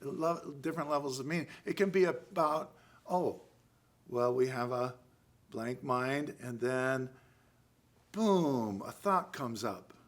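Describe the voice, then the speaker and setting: Slow-paced American man teaching karate class. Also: mid-range voice, expressive. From United States. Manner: halting, with pauses and frequent "right?" check-ins. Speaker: karate instructor. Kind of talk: spoken class lecture.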